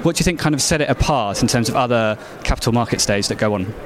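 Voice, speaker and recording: Man, fast pace, lightish pitch, interviewer questions, noisy crowded room behind. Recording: busy crowded event, background chatter. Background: crowd noise.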